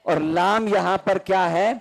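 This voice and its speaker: A man's voice: high voice, vocal fry. A man teaching a Quran recitation class, asking questions and having students repeat terms in rhythm. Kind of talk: classroom call-and-response lesson.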